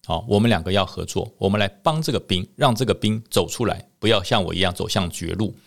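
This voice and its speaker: A man voicing the ghost of a young male soldier, speaking softly and earnestly. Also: deep voice, fast, vocal fry.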